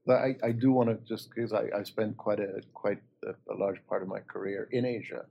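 A man's voice: on the low side, steady tone, brisk, vocal fry, dull audio, slight background noise. A man leading a thoughtful conversational discussion, hesitant, circling his phrases and repeating words as he builds a point. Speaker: interviewer in a discussion.

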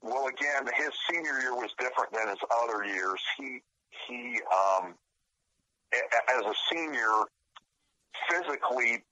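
Brief Male sports reporter guest on radio, husky, close dry sound, lower voice. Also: expressive, a little slow, sharp tone, dry recording, rough recording. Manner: earnest, detailed analysis. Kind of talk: radio interview.

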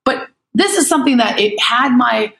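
A middle-aged American woman in casual panel talk, an animated storyteller who acts out what people said. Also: a little high, normal speed, creaky, low-quality recording. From United States. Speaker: panel guest.

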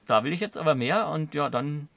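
A young man hosts with a bright, forward tone and a slightly raised pitch. He throws in puns and laughs easily. The booth sounds dry and close. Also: expressive, brisk, creaky, no echo. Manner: playful, punning, laughs easily. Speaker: podcast host, film magazine editor. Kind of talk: casual podcast chat. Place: small recording studio.

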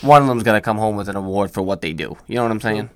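A man's voice: on the low side, racing, smooth, no echo. A young man co-hosting a casual sports podcast, agreeable and loose, often asking "you know what I mean.". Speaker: podcast co-host.

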